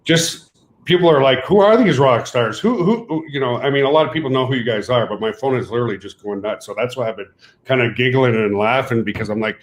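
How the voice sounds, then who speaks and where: A middle-aged man with a French Canadian accent, hosting a webinar in an excited, animated way with laughing asides. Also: mid-range voice, fast. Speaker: webinar host and company owner.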